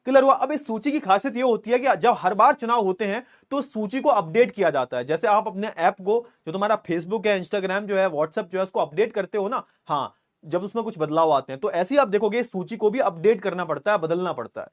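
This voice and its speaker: High-voiced young man teaching a live class. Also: fairly quick. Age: 20s. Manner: chatty, teasing students, reads chat comments aloud. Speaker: online teacher. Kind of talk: live online class lecture.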